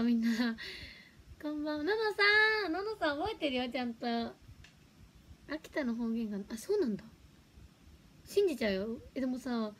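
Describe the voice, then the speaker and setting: A young woman chatting casually on a livestream, giggling and reacting to viewer comments. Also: high voice. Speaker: livestream host.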